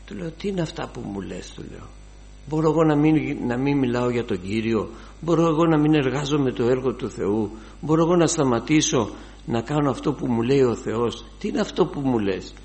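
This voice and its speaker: Gravelly older man preaching fervently. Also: mid-range voice, lively intonation. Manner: fervent, rising to loud exclamations. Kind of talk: sermon.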